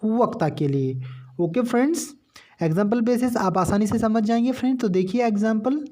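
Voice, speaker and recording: A man with a soft, mellow voice teaches an exam-prep grammar lesson. He poses a question to his listeners, answers it himself, then repeats the key term. He calls his listeners friends again and again. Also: high-pitched, moderate pace. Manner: keeps addressing listeners as friends.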